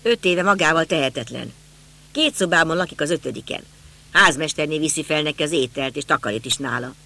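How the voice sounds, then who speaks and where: A man's voice: a little high, gravelly, sharp tone. A man voicing a talkative elderly male neighbor who rambles through old memories. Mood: reminiscing. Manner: rambling, reminiscing.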